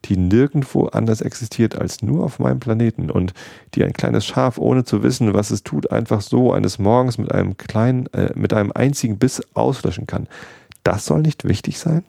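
A man's voice: sits low, moderate pace, vocal fry, warm tone, dry recording, clean studio sound. A man reading a storybook aloud and voicing a small, earnest boy prince who keeps asking questions and grows indignant. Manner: insistent questioning, rising to angry pleading.

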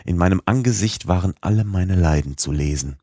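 A man's voice: low-pitched, a little fast, mellow, no echo, studio quality. A man narrating a classic novel as an audiobook, reading expressively and giving voice to the dialogue.

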